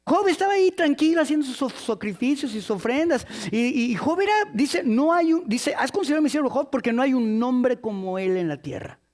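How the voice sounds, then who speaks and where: High-voiced man preaching a sermon. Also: brisk, few pauses. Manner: lively storytelling with jokes, acting out the people in the story.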